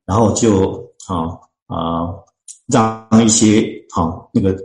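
Earnest deacon with a low voice. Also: male voice, a little mellow, reverberant, poor audio. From Chinese-speaking, living in Canada. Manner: earnest, with many drawn-out fillers and restarts. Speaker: church deacon and author. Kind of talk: interview, explaining scripture.

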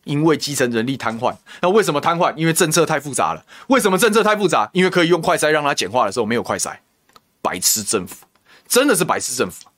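Very fast, sing-song and fairly high-pitched, this man speaks with hardly any pauses in a slightly bright voice. He hosts a political talk show with a Taiwanese Mandarin accent, venting indignantly through rhetorical questions and name-calling.

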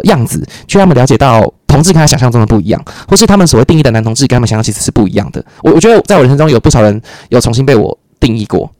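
A man with a Taiwanese Mandarin accent chatting on a podcast, telling stories quickly and animatedly, acting out the people he quotes. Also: mid-range voice, dry recording, studio quality. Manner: rapid, animated storytelling with playful quoted voices. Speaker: podcast guest. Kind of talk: casual podcast chat.

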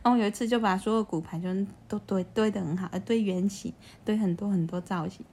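A woman's voice: medium pitch, quick pace, a little mellow. Young woman, casual podcast co-host, chatty storyteller with lots of restarts. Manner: chatty, restarts a lot, acts out childish voices in quotes. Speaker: podcast co-host telling childhood stories. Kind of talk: casual chat. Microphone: desk USB condenser mic.

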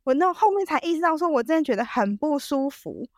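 A woman telling a story as a podcast guest, animated and full of restarts. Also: high voice, quick pace, no echo, studio quality. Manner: animated, acts out quoted dialogue, frequent restarts.

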